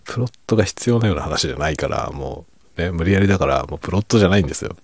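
A middle-aged man in a quiet, rambling, self-deprecating late-night monologue meant for falling asleep, in a hushed voice that often drops toward a whisper. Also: low-pitched, animated, very fast, gravelly, no room sound. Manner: self-deprecating, rambling, chuckling under his breath. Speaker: fiction writer chatting to listeners.

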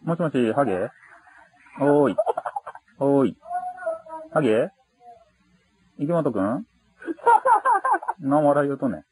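A man with a Fukuoka accent on a phone call, calmly taunting and mocking the other caller with repeated insults. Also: medium pitch, takes it slowly, long pauses, husky. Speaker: prank caller confronting a scammer.

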